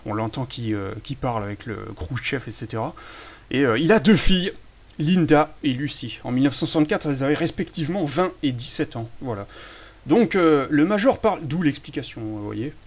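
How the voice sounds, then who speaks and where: A man's voice: mid-range voice, animated, fairly quick. A man chatting casually through a behind-the-scenes commentary on his own fan film, self-amused and full of hesitations.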